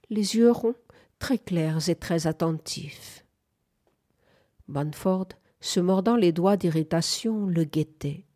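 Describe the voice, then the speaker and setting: Slow, mellow woman narrating a novel. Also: lowish voice. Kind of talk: audiobook narration.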